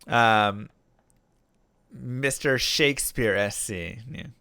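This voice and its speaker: A streamer and rapper talks live, casually fielding chat questions and reading messages aloud. His medium-pitched voice is bright and forceful, moving at a slow pace, and he rambles with plenty of fillers and restarts. The sound is smooth with no echo.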